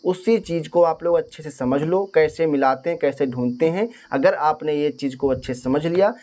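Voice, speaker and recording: A man's voice: on the high side, normal speed, warm tone. A man teaching harmonium in a casual spoken lesson, explaining step by step and singing short phrases to show each note. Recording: faint harmonium music behind. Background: harmonium playing.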